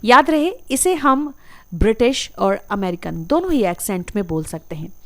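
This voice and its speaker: Lady teacher, patient voice-over, says every word twice real carefully. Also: medium pitch. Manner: patient, repeats each term carefully. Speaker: English teacher. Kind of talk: slow explanatory lesson.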